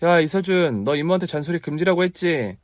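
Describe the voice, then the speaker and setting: High-pitched young aunt, voiced by a man. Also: moderate pace, a little mellow, no room sound, clean studio sound, natural voice. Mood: playful bickering. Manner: emotional, pleading, teasing by turns. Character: young woman, devoted aunt raising her nephew. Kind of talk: dramatized story reading.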